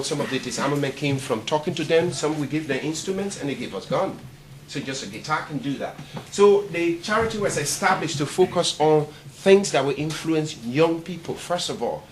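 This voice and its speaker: Liberian man, fairly high voice, lively speaker quizzing a room, faint hiss. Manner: animated, quizzes the audience. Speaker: charity presenter. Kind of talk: speech to a networking event. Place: meeting room.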